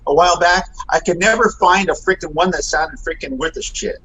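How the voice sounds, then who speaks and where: A middle-aged guest guitarist tells stories in a casual chat, animatedly acting out quoted lines and using many fillers. His voice is on the high side and brisk, and the recording is rough.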